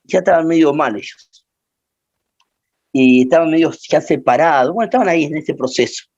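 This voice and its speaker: A man with a Rioplatense Spanish accent, a pastor preaching a teaching sermon and telling stories in animated fashion. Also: on the high side, fairly quick, muffled recording. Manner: animated storyteller, voices the people in his stories.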